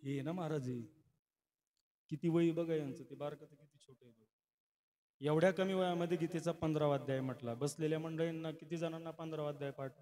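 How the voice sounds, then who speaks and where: A man's voice: on the high side, steady tone, a little fast. A man from Maharashtra preaching a devotional kirtan, telling a story with dramatic swells and acting out the people in it. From Maharashtra, India. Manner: dramatic storyteller, voices characters, swells to loud emotional peaks. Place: kirtan stage before a seated audience.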